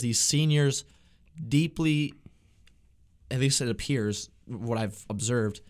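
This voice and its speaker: Halting young man talking college football. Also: mid-range voice, a little mellow. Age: young adult. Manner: halting, repeats words often. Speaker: student sports reporter, show host. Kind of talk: casual sports talk.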